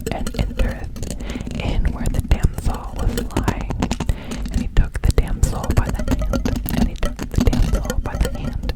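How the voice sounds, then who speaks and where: Brief: ASMR scripture reader, breathy whisper doubled with a layered second whisper, repeats lines back softly. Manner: soft unvoiced whisper, echoing phrases back in repeats. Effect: whisper doubled by a layered whisper track.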